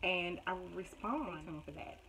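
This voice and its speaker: A young adult woman telling her story in a casual, animated vlog, with dramatic retelling and laughs. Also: fairly low pitch, normal speed, background noise. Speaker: nurse vlogger.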